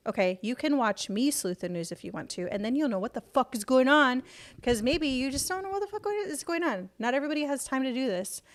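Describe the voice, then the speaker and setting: A woman streamer reacting to the day's news in casual chat, rambling and swearing heavily whenever she gets passionate. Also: a little high. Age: adult parent. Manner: rambling, heavy swearing, fired-up rants.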